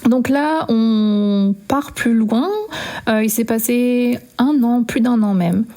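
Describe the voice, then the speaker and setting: A woman's voice: a little high, slow pace, dark tone. Woman recounting her own strange story. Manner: conversational, re-enacting dialogue with many fillers. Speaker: guest telling her own paranormal story. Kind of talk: spoken personal testimony.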